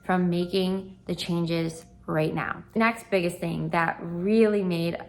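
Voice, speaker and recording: A woman's voice: on the low side, fairly even intonation, takes it slowly, vocal fry. A young adult woman chatting through a home makeover reveal in a gushing, enthusiastic way, stressing and stretching key words. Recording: music behind the voice. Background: background music.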